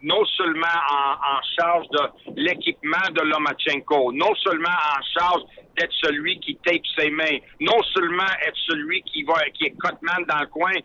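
A man from Quebec with a Quebec French accent, speaking earnestly and haltingly in an interview, excited about his work. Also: a little high, highs cut off, slight background noise. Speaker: boxing cutman and trainer. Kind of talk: interview by phone.

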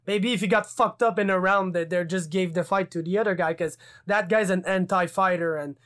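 High-voiced chatty male interviewer. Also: fairly even intonation, brisk, a bit bright. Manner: loose, profane, chatty. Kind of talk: casual interview.

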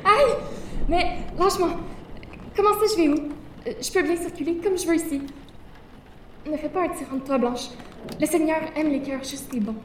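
A woman's voice: sits high, normal speed, pauses often, fairly bright tone, slight background noise. A woman playing a pious, self-righteous teenage boarder who stammers and pleads, in an audio drama. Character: pious prim teenage boarding-school girl. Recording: roomy, distant mic.

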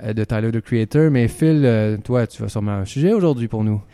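A Quebec French man hosts a radio chat in a mellow, easy voice, teasing his co-hosts between hesitant pauses. The recording is dry and close. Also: mid-range voice, clean tone, dry recording. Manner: relaxed, teasing, hesitant fillers. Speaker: radio host.

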